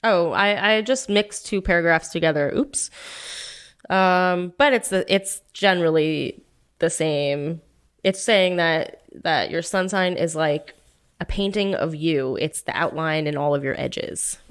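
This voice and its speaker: Deep-voiced woman tossing out playful quips. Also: smooth. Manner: playful, quick quips and frequent "mm-hmm" backchannels. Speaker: podcast co-host. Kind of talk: casual chat.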